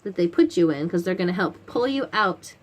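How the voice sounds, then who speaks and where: A woman with a lowish voice and lively intonation speaks briskly while hosting a children's read-aloud. She explains a picture book to little ones in plain, instructive language, putting questions to the listener.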